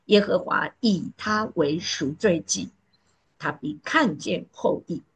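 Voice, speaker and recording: A woman's voice: lowish voice, lively intonation, slow, husky. Earnest woman preaching a sermon. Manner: earnest, emphatic, drops to soft pleading tones.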